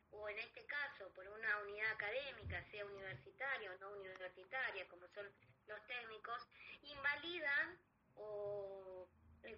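Hesitant Argentine woman explaining slowly. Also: mid-range voice, muffled recording, a little hiss or hum. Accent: Argentine Spanish. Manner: hesitant, many fillers, measured explanation. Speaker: guest academic. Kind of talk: conversational interview answer.

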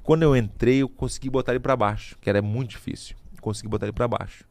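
A middle-aged man, a podcast guest telling stories in a casual, lively way. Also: mid-range voice, fast talker. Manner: lively, vivid storyteller who adds sound effects. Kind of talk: casual storytelling. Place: podcast studio.

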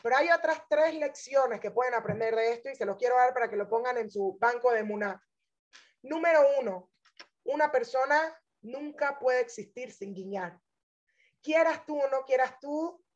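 High-voiced woman giving an earnest testimony. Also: moderate pace, dull audio. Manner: earnest and emphatic, addresses listeners directly. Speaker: religious teacher. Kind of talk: inspirational personal testimony talk.

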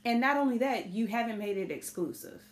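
A woman's voice: a little high, expressive, fairly quick. A woman co-hosting a podcast in casual chat, giving her opinion emphatically. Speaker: podcast co-host.

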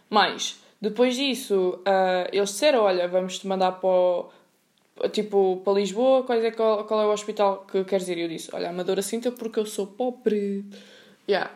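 A woman's voice: mid-range voice, a little mellow. A young woman with a European Portuguese accent, telling a funny personal story in a casual, slangy podcast monologue, often laughing. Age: young adult. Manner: chatty, slangy, laughs at her own story. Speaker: podcast host.

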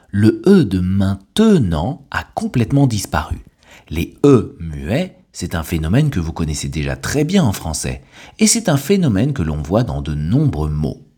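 A man with a deep, slightly husky voice gives a scripted language lesson. His pitch rises and falls in a lively way, and he speaks each word clearly and deliberately, like a teacher guiding learners. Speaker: French teacher and podcast host.

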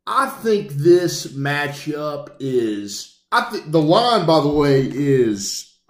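Animated male sports podcast co-host. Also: on the high side, takes it slowly. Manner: animated, mock-announcer asides. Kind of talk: casual sports talk. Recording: roomy echo.

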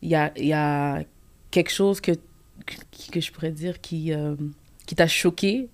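Lower-voiced woman host. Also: measured pace. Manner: attentive, asks questions, frequent affirmations. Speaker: podcast host. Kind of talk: casual interview chat.

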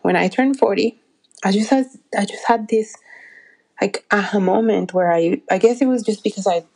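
A woman in her forties giving a motivational solo talk as a business coach and podcast host, earnest and encouraging, often pausing and restarting as she searches for words. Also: mid-range voice, creaky, darkish tone. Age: 40s.

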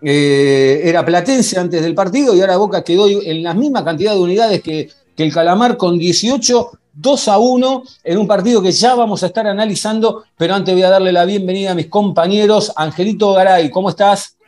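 A man with an Argentine accent hosting a football podcast in a conversational, halting way, often repeating himself. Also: sits high, a little mellow. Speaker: sports podcast host. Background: faint music.

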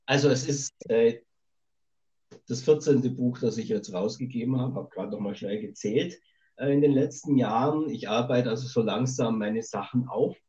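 A man's voice: medium pitch, moderate pace, mellow. A male author speaking over a remote satellite call line, talking in a rambling, thoughtful way with many hesitations. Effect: remote satellite call line, dull lo-fi sound. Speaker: author being interviewed. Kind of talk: remote podcast interview.

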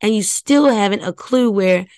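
A woman's voice: mid-range voice, mellow, no echo, lightly acted, rough recording. A woman voicing a smug sneering villain. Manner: slow, smug drawl. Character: cold sneering male villain, scheming. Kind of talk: audiobook reading.

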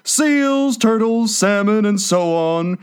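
Man voicing the high, swooping, sorrowful Mock Turtle. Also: lively intonation, slow pace, clear, resonant tone. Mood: eager. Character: sorrowful, excitable old male Mock Turtle, storybook creature.

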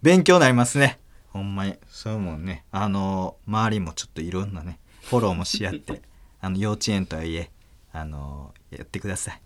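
A man with a Kansai accent, hosting a podcast and telling a story in a casual, animated way, acting out voices and laughing often. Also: sits low, fairly quick. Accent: Kansai Japanese. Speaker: podcast host.

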